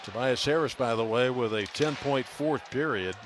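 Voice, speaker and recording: A man delivers radio play-by-play of a live basketball game, calling scores and plays with emphasis in a medium-pitched voice at a moderate pace. Loud arena noise and a bouncing basketball fill the noisy broadcast from a large indoor arena.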